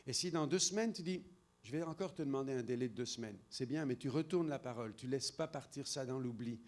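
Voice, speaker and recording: A man's voice: medium pitch, fast talker. A man from France with a French accent, giving an interactive sermon-style talk and calling on audience members by name. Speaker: speaker at a church seminar.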